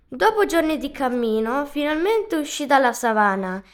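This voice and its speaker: Fable narrator, woman, fairly high voice, straight reading. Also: very animated, normal speed. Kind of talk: reading a story aloud.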